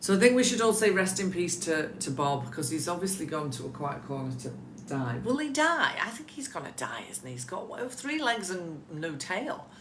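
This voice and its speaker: A woman's voice: fairly low pitch, big pitch swings, moderate pace, echoey room, slight background noise. A woman coaching photographers in a casual live session from home, chatty and encouraging, addressing viewers by name. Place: at home with pets nearby.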